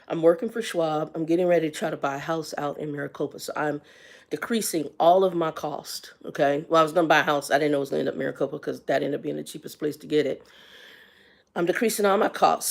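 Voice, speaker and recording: A woman's voice: sits low, vocal fry, a little mellow. A woman in her fifties telling a personal story on a casual livestream, candid and colloquial, with faith-based asides. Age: 50s. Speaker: livestream host.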